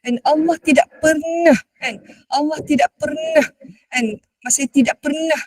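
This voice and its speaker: A Malaysian woman religious teacher speaks in a high voice, talking in a loose conversational way with frequent tag questions. She recites verses slowly and carefully. The recording is dry and close, with no room sound. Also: darkish tone, dry recording. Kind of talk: religious talk.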